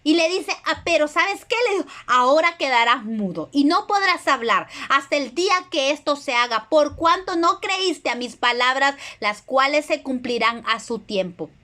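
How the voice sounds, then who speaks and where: A woman's voice: high voice, lively intonation, normal speed, hardly any pauses, sharp tone. A middle-aged woman preacher delivering an earnest sermon, retelling scripture and acting out the quoted voices.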